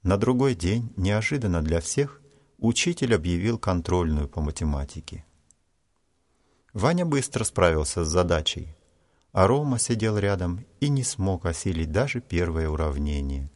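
Male narrator, deep voice, children's story reading, measured. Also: animated, a little mellow.

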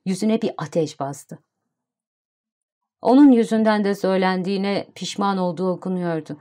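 A woman narrating a literary audiobook in a calm, even storytelling manner. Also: medium pitch, normal speed.

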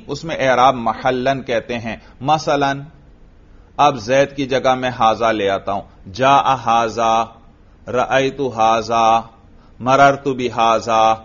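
A man with a Pakistani Urdu accent teaches a class, pitching short questions and then echoing the students' replies back to them. His voice sits at an ordinary middle pitch. The recording is dull and lo-fi. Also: fairly bright tone. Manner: drills the class with quick questions and repeats their answers. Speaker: religious teacher. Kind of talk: classroom grammar lecture.

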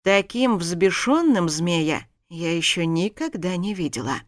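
A woman's voice: fairly low pitch, animated, measured pace, dry recording, studio quality. A woman narrating a first-person story as an audiobook, reading expressively.

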